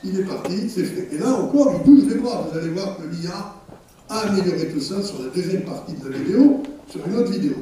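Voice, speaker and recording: An older man lectures on a surgical video in a large, echoing hall, his voice fairly high but mellow. He sounds set back from the microphone, with faint background noise. He talks loosely, restarting phrases and dropping in asides. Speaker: surgeon presenting at an academic session. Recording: roomy hall, speaker far from mic.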